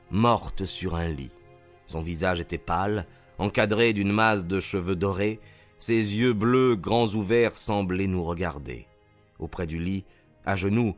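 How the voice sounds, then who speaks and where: A male storyteller with a low voice reads scripted narration at a steady, even pace. Faint music runs underneath him throughout.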